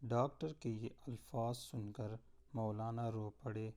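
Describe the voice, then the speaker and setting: A man narrating a devotional story in a solemn, measured way. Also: mid-range voice, fairly even intonation, warm tone.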